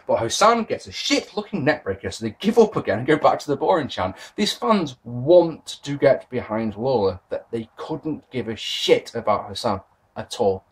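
A man's voice: mid-range voice, sing-song, moderate pace, slightly rough. A British man in his thirties giving a sarcastic, sweary wrestling review to a webcam in his bedroom. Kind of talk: casual video review. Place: bedroom with posters, indoors.

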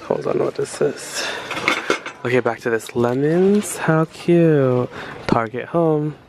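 He speaks slowly in a mid-range voice with vocal fry, background noise around him. Camera in hand in a thrift-store aisle, the man narrates a casual vlog, talking to himself and getting excitable as he gushes about what he finds.

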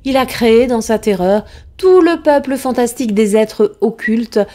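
A woman's voice: fairly high pitch, expressive, moderate pace, warm tone. A woman giving a dramatic reading of a classic tale, impassioned and rising to anguished cries in the tense passages. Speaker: reader.

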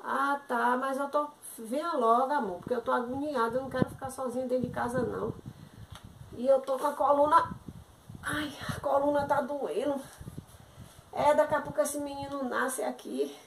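A woman's voice: high-pitched, normal speed, vocal fry. A woman doing a one-sided comic phone sketch, talking in a chatty, pleading and exasperated way. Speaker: content creator acting a comic sketch. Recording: echoey room with loud background noise.

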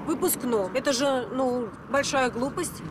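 A woman's voice: high-pitched, a little slow. An older actress playing a bossy, nagging grandmother in a screen drama, preachy and insistent. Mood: lecturing. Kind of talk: naturalistic screen drama acting. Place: outdoors at a bus station. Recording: loud outdoor bus station noise.

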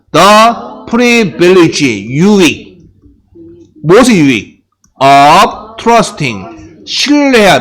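A middle-aged man leads a Bible English lesson as a pastor, asking questions and answering them himself. His voice sits a bit high and moves lively up and down. He talks slowly and stretches out English words. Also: low-quality recording. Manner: asks and answers his own questions, drills phrases.

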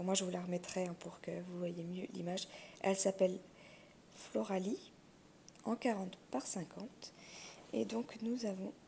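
A woman with vocal fry and a gravelly morning voice, chatting through an unboxing and thinking aloud. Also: mid-range voice, darkish tone. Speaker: craft unboxing host. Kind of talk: casual unboxing chat. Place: indoors at a wooden table. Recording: handling clicks and crinkling noise. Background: crinkling plastic, clicks.

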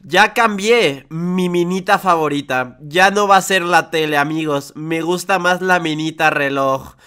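A young man, hosting a reaction video with excited, playful commentary full of slang and exclamations. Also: fairly high pitch, a little slow, clean tone. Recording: music playing behind.

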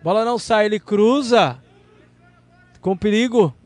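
A man's voice: sits high, a little slow, a little mellow, dry recording, a faint crowd. A man with a Brazilian accent giving live play-by-play commentary on a football match.

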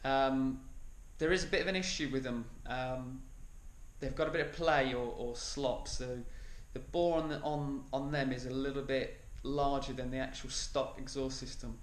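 Relaxed man filming his garage build. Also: medium pitch, normal speed, echoey room. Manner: relaxed, lots of um fillers, explains as he works. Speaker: DIY motorcycle builder. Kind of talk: casual workshop vlog. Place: home garage workshop, indoors.

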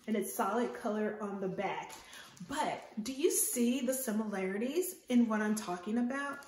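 A woman's voice: fairly high pitch, animated, normal speed, darkish tone, echoey room, a little hiss or hum. A woman in her fifties chatting eagerly to viewers about her vintage finds, filmed at home. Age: 50s. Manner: enthusiastic, chatty, talks straight to viewers. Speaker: fashion vlogger. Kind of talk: casual haul and try-on chat. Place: home bedroom.

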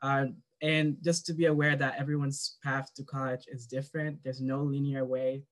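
A man's voice: medium pitch, little pitch movement, normal speed. A young man speaking as a student on a panel over a video call, hesitant, with many fillers and restarts. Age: young adult.

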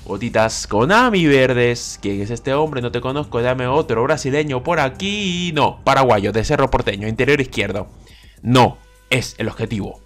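Guy yelling and chattering over a game pack opening, desk mic. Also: mid-range voice, normal speed. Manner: animated, repeats phrases, cries out at big pulls. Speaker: gaming YouTuber. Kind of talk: excited gameplay commentary. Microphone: desk microphone.

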